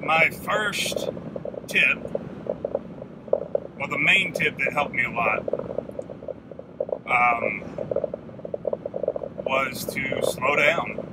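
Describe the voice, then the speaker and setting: A man in his thirties giving a rambling, relaxed video reply from inside a pickup truck, stopping now and then to puff on a pipe. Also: medium pitch. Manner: rambling, relaxed, with restarts and drawn-out pauses; talks while smoking a pipe. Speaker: vlogger. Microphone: phone or camera mounted on the dashboard. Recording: loud road and engine noise.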